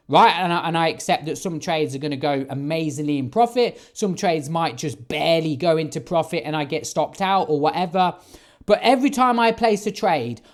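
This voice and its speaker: A man trading forex, giving an emphatic, casual vlog monologue and often checking in with "right?". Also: sits high. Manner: emphatic, keeps asking "right?". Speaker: forex trader.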